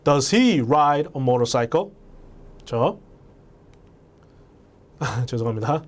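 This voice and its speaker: Lively man teaching English. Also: medium pitch, drawn-out words. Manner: lively, emphatic, addresses viewers often. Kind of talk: lecture.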